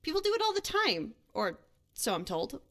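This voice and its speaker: Playing the same kind of role, a guilt-ridden yet daring young huntress and adventurer in a fantasy game, the actress uses a slightly high, a bit bright voice with huge pitch swings at normal speed. She sounds casual and coaxing, natural in tone, with music underneath.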